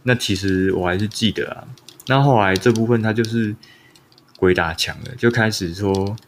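Low-voiced man. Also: moderate pace, slight background noise. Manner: rambling, often restarts sentences and acts out quoted lines. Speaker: podcaster. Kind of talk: casual first-person storytelling.

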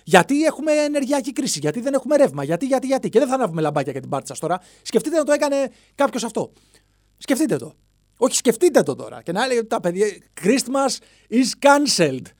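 A man's voice: very high-pitched, sing-song, darkish tone, no room sound. A man hosting a solo comedic podcast, rambling playfully from one bit to the next and slipping into silly voices, alone in a studio. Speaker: podcast host.

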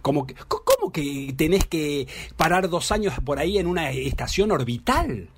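A man's voice: a little high, wildly swooping pitch, moderate pace, a little hiss or hum. A man voicing a frantic middle-aged wife with an Argentine accent, pleading with and scolding her runaway husband, stammering at times. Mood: anxious, pleading. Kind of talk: dramatic reading of a theatre monologue.

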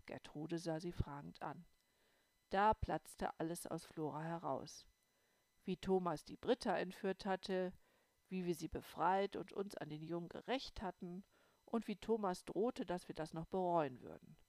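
A woman narrating a first-person audiobook in a calm storytelling manner. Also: on the low side, measured pace, no room sound. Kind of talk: scripted narration.

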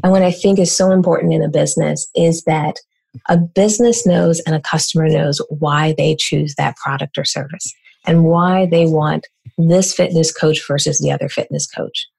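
Low, gravelly-voiced American woman explaining. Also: fairly even intonation, darkish tone. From United States. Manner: brisk, explanatory, rhetorical questions. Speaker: business coach guest. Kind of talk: conversational interview answers.

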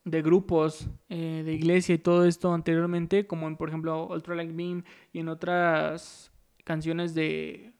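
A man's voice: on the high side, monotone, a little slow, creaky, a little mellow, smooth. A man hosting a casual solo podcast, rambling loosely with many fillers and restarts. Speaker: podcast host.

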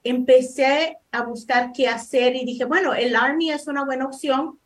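A woman's voice: high voice, steady tone, normal speed. A middle-aged woman from El Salvador, a life coach answering interview questions modestly, with frequent hesitations. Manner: modest, hesitant with many fillers.

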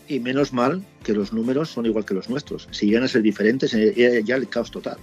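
A man's voice: medium pitch, a little fast, lo-fi sound, soft background music. Chatty Spanish man telling travel stories. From Spain. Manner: lively storyteller, swears casually. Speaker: motorcycle traveler guest. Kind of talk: casual chat.

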